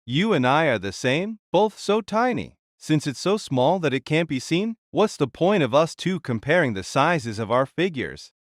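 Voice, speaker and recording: A man's voice: on the high side, no room sound, studio quality. A man playing a huge, boisterous warrior king spirit in an audio drama, speaking in a bold, jovial, boastful way. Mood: exuberant, proud. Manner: hearty, bold, grandiose. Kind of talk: dramatised audio story dialogue.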